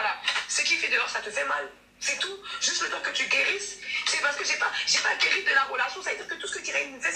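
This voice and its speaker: Woman rambling fast on a live stream, bright voice, sounds far off in an echoey room with a bit of hiss. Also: sits high. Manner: rambling, repeats herself, laughs between lines. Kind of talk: emotional live stream confession. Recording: echoey, from a distance, faint noise.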